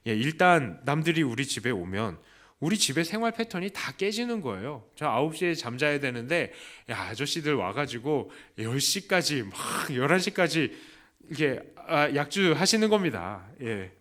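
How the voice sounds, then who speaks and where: A male pastor delivers a Sunday sermon in a fairly high voice that rises and falls a great deal. He keeps asking his listeners questions and jumps up to act out the voices of the people he quotes. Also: normal speed. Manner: lively preaching with questions to the congregation; acts out quoted voices with raised pitch. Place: church.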